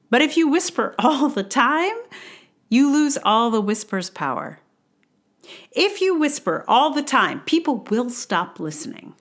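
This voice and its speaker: A woman from theater giving wry, amused commentary in a casual vlog, with an expressive delivery. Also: on the high side.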